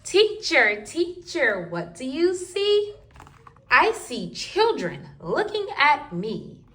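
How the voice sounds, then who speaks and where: A woman's voice: sits high, huge pitch swings, slow, fairly bright tone. Sing-song woman reading to toddlers. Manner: sing-song, rhythmic read-aloud. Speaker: children's book reader. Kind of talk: reading picture books aloud to toddlers.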